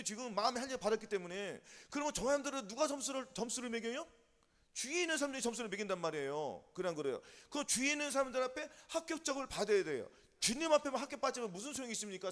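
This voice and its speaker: A high-voiced man preaches with lively swings in pitch, tossing yes-or-no questions at his congregation. His voice carries through a long church reverb. He speaks in the steady, exhorting rhythm of a Sunday sermon. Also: very fast. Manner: call-and-response questions to the congregation. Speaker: pastor. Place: church sanctuary.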